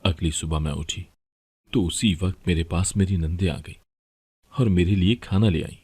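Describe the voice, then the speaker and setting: A man narrating a story in the first person in a plain, steady storytelling manner. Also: low voice, normal speed, breathy edge.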